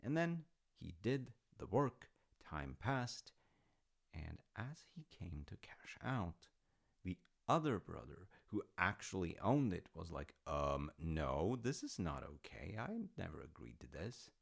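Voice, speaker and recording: A man puts on an exaggerated, very animated voice, low-pitched with vocal fry, to play a proud and affectionate father. Speaking slowly, he rambles through stories in a musing, chatty manner with hesitant asides. This intimate storytelling roleplay has a fond, musing mood.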